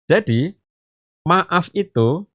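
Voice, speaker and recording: An animated man with a slightly high voice draws out his words while giving a podcast parenting talk as an Islamic teacher. Homely stories and analogies carry his points, he addresses "ayah bunda," and "gitu" and "eh" come up often; the audio is dry and slightly muffled, with no room sound.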